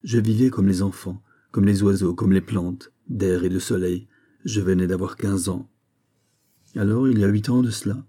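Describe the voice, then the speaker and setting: A man reading a novel aloud as an audiobook narrator, measured and even. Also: deep voice. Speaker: audiobook reader.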